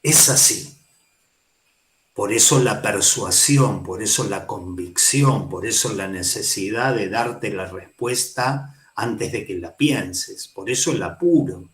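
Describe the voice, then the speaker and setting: A man's voice: fairly low pitch, slow pace, roomy sound. A man with an Argentine accent giving a casual, digressive university lecture on psychoanalysis, often checking in with "¿sí?". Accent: Argentine Spanish. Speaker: psychoanalysis teacher.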